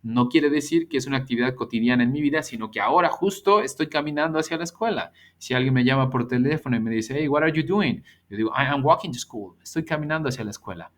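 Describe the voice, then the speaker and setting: A male teacher, his voice sitting at an ordinary middle pitch. He explains patiently, slowing down to repeat example sentences one by one for his students. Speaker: English teacher. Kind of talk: recorded grammar lesson.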